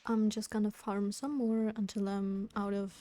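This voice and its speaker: A woman live streaming a video game, chatting casually with viewers in a quiet voice kept down at home, sounding a little sleepy. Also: medium pitch, flat delivery, normal speed, no echo. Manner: quiet, keeping voice down for a sleeping roommate. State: sleepy, yawning. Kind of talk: relaxed casual chat with viewers. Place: indoors at home. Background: game music.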